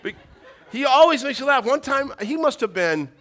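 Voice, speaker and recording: A man's voice: extremely high pitch, sing-song, fairly quick, a bit bright. A middle-aged man preaching a sermon, telling folksy, humorous family stories and repeating key phrases for emphasis. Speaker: pastor.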